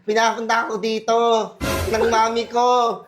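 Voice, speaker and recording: A man's voice: very high-pitched, completely flat delivery, unhurried, over music. A man playing an overgrown grown-up godchild who keeps pleading for holiday gift money in a whiny, insistent way.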